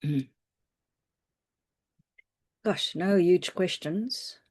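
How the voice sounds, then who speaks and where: A woman physician teaches on a video call, her voice hoarse and croaky. She explains clinical points in a practical, reassuring way. Her delivery is loose and conversational. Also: fairly low pitch, extremely slow, darkish tone. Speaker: family physician presenting a webinar. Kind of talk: online medical teaching talk. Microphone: computer mic on a video call.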